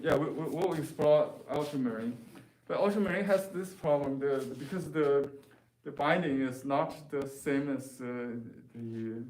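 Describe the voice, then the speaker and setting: A man who speaks natively gives an informal painting lesson. His delivery is slow and hesitant, with frequent searching for the right word. The room adds clear echo and he sounds a little distant from the microphone. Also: mid-range voice, darkish tone, a little hiss or hum. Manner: halting, hesitant, searching for words. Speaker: painting teacher. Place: classroom, indoors. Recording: roomy echo, voice off the mic.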